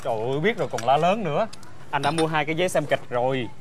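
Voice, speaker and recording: A young man in a comedy sketch, rushed and bossy, urging others to hurry. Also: a little high, lively intonation, a little hiss or hum.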